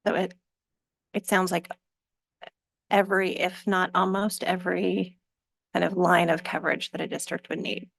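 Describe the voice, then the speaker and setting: Gravelly-voiced woman board member. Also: fairly low pitch, flat delivery, moderate pace, long pauses, dry recording. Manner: polite, inquiring. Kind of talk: questioning a presenter.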